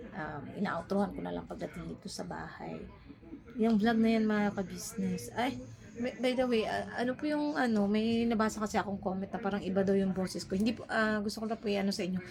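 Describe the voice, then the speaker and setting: A woman's voice: medium pitch, gravelly. A woman vlogger talking casually to her viewers from home, rambling with lots of hesitations and filler words.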